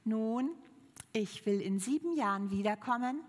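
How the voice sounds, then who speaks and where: A woman telling a parable from the pulpit, voicing Life as a calm, measured wandering healer. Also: on the high side, big-room sound.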